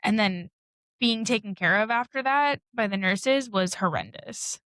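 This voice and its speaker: A woman's voice: medium pitch, a little slow, fairly bright tone, no echo, rough recording. A woman co-hosting a podcast, telling a personal story in a candid, blunt way, swearing and laughing often. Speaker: podcast co-host. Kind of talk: casual storytelling.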